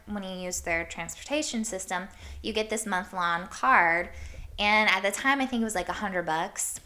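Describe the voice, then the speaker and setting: A woman from Iowa hosting her podcast, telling stories in a hyper, animated way with casual swearing. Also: medium pitch. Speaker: podcast host. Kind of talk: casual storytelling monologue.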